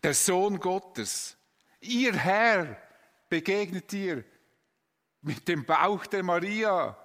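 A man retelling a Bible story as a preacher, explaining deliberately and stressing key words. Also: high voice, lively intonation, a bit bright, in a large hall. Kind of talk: slow, emphatic Bible storytelling with a map.

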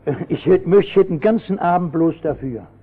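A man preaching a sermon with fervent, dramatic storytelling, shouting out some lines and dropping to a hush on others, recorded in a church. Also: on the high side, a little fast, slightly rough. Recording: old lo-fi phone-like recording in a reverberant hall.

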